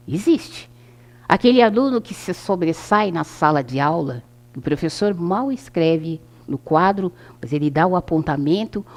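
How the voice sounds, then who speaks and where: An older woman with a Brazilian accent speaks to a gathering at a spiritist center. She tells anecdotes and acts out the people in them, and her pitch swings widely as she goes. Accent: Brazilian Portuguese. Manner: anecdotal, acts out quoted dialogue. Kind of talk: informal talk to a group.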